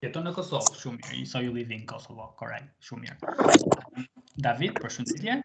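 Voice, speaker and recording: Over a video call, a man teaches a live online language lesson to a small group, patient and full of small fillers as he moves between English and Albanian. His medium-pitched voice is expressive, gravelly and a little fast, and the slightly muffled audio is very noisy.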